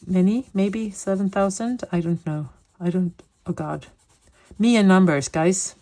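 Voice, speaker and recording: This coloring vlogger is a Swedish native speaker in her late fifties, talking casually in English and pausing to find words as she works. Her mid-range voice has a warm tone and moves a little slowly.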